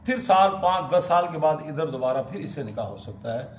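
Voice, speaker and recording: A man with a Pakistani Urdu accent preaches in a mosque, reciting Arabic verses and then explaining them. His fairly high voice rings through a reverberant hall. A faint hiss sits under the recording. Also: expressive, fairly quick. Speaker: maulana giving Quran lesson. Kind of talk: mosque sermon, Quran commentary.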